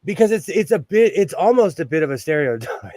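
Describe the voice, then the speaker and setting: A middle-aged man with a Southern Californian accent hosts a casual livestream, rambling between chuckles as he greets viewers, reads chat and sews. His voice sits on the high side with big pitch swings, slightly fast and mellow, with no room sound.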